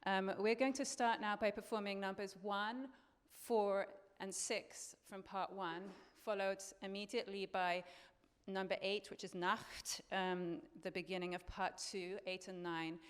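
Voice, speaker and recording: A woman conductor introduces the music to a concert audience, hesitant and full of pauses. Her voice is smooth and resonant, with a long reverb trailing behind it in the hall. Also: mid-range voice, steady tone. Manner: hesitant, many fillers and restarts. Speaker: conductor and lecturer. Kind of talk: pre-concert lecture.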